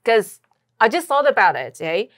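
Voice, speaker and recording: A woman co-hosting a relaxed board game chat, giggly and speaking in short halting phrases. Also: fairly high pitch. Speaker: board game channel co-host. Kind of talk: casual chat.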